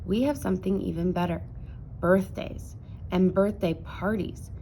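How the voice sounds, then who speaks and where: A woman's voice: lowish voice, measured pace, warm tone, a little hiss or hum. A woman voicing an enthusiastic, indulgent father bear in a children's storybook, breezy and carefree. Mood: reassuring.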